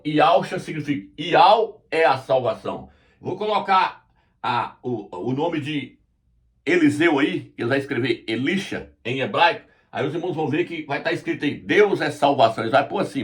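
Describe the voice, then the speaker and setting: A man's voice: fairly high pitch, expressive. Man teaching letters at a whiteboard. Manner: deliberate, spells out letters while pointing. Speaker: Bible teacher.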